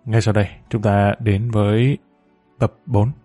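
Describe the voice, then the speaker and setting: A man narrating an audiobook story in a steady, measured way. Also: fairly low pitch, no room sound, soft background music.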